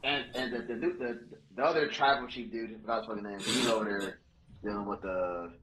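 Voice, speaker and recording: A man's voice: on the low side, steady tone, brisk, noisy background. A man in a casual stream chat, rambling, repeating himself and swearing often.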